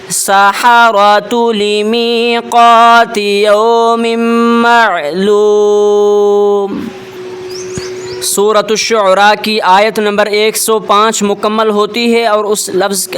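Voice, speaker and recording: A man teaching a tajweed lesson, explaining word by word and then reciting verses slowly and drawn out, often checking in with his listeners. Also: high voice, a bit bright, smooth. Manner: checks in with repeated rhetorical questions.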